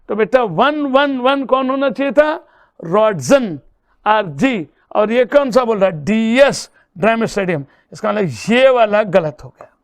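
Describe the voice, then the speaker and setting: Slow, high-voiced man teaching chemistry. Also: smooth, no room sound, studio quality. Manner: addresses students as "beta", checks each step aloud. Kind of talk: exam-prep lesson solving problems.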